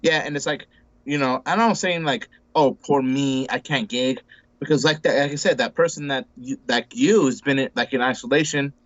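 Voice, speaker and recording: The recording is dry and muffled, carrying a medium-pitched man in his forties who speaks at a moderate pace. He's an easygoing interview guest whose casual talk rambles with frequent restarts and repeated words, peppered with bro and dude.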